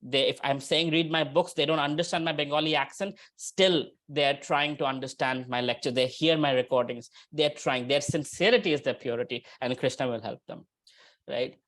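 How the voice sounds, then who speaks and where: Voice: mid-range voice, moderate pace, a bit bright. A spiritual teacher giving an informal religious lecture and answering questions, conversational and often checking in with "right?". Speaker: spiritual teacher leading a scripture discussion.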